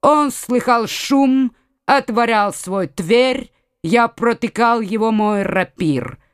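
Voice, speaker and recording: A woman voicing a calm, cold German male soldier who speaks with a German accent and broken grammar. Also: on the high side, clean tone, dry recording, studio quality. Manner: broken grammar, unhurried, matter-of-fact.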